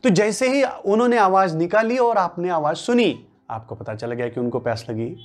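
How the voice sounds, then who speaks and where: A man's voice: high voice, normal speed, faint music behind. A man whose first language is Marathi, giving a workshop lecture full of rhetorical questions and repetition. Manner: rhetorical questions and repetition, animated rising and falling delivery. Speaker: language teacher.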